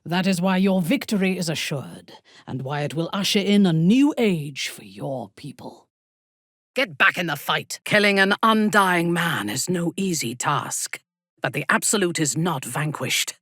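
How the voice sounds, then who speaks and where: She is a proud, imperious dark elf war leader from a fantasy video game, delivering character dialogue in a breathy, husky voice captured close and dry with no echo. Her speech is slow, formal, and measured, swinging widely in pitch with haughty, cold disdain. The mood is stern and resolute.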